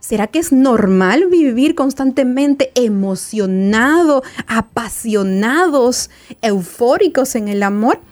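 Woman psychologist, somewhat high voice, faith-based relationship advice, voices listeners' doubts. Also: lively intonation, slow, a little mellow. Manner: asks many rhetorical questions; plays out listeners' objections.

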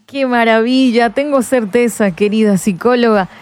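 A woman's voice: fairly high pitch, normal speed, darkish tone, clean tone, no echo. A woman radio host closing a segment and praising her guest effusively.

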